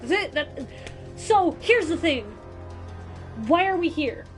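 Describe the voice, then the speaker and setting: A woman's voice: very high voice, lively intonation, takes it slowly, soft background music. A woman chatting casually and playfully as she plays a game, joking along as co-commentator. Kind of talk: casual let's-play chat.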